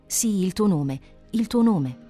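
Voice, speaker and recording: A devoted young woman in love, as a reader puts her on, earnest and emotional in a storybook reading. A soft, mellow voice lifted higher than usual, with faint music behind. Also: moderate pace, close to an everyday voice.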